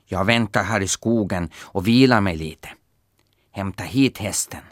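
A man's voice: lowish voice, no echo, clean studio sound, close to an everyday voice. A man voicing a helpful talking wolf in a storybook, patiently explaining things.

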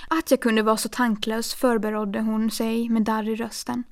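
Creaky, even-voiced woman reading a story. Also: on the high side. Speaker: audiobook narrator. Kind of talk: first-person storybook reading.

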